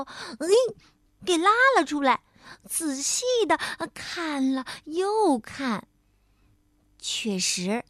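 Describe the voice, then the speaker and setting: A woman with a high voice reads a bedtime story to a small child at an unhurried pace. She is gentle and turns to speak to the little listener directly. The sound is dry and close. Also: dry recording.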